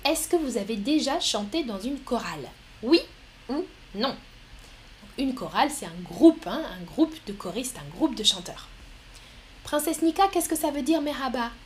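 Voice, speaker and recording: A woman with a fairly high voice hosts a live stream, speaking slowly and clearly. She reads viewer comments aloud and answers them, often with a light laugh. A faint background hiss runs under her voice. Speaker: livestream host.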